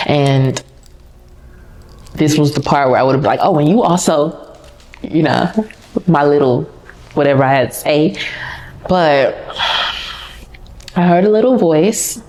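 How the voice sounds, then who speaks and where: A woman's voice: sits low, a little slow, long pauses, darkish tone. A woman podcast host telling a personal story in a candid, casual, conversational way, talking straight to her listeners.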